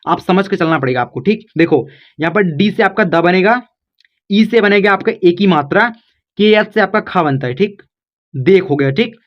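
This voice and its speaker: A man's voice: sits high, animated, moderate pace, dull audio. A man teaching a spoken tutorial lesson, explaining patiently and checking in after every step. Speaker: English teacher.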